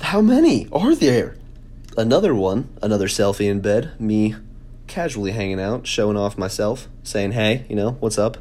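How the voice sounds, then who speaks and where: A man's voice: lowish voice, normal speed, darkish tone. A young man vlogging, mocking himself in sarcastic, casual commentary with exaggerated exclamations.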